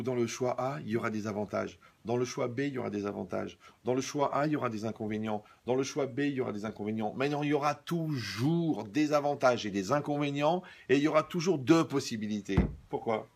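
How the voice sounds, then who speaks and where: A man delivers a humorous sermon as a religious teacher. His voice is gravelly and husky, and his delivery is wry and teasing, full of stories and asides to the audience. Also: mid-range voice, a little fast.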